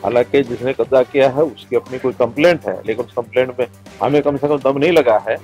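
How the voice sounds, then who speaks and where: A man chairing a grievance meeting, giving a measured, matter-of-fact statement to the press. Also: medium pitch, darkish tone, lo-fi sound, soft background music.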